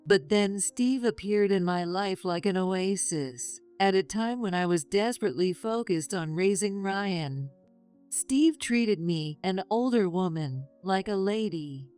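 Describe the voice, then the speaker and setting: A middle-aged woman calmly narrating a first-person story in a measured, confessional way. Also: mid-range voice, clean tone. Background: faint music.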